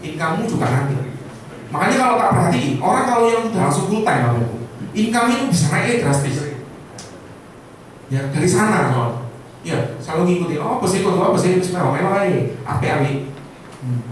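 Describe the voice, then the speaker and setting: A man's voice: high voice, lively intonation, brisk, long pauses, a little hiss or hum. A man giving a motivational sales training talk, speaking straight to his audience and firing rhetorical questions at them. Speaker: insurance sales team leader. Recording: echoey room, voice far from the mic.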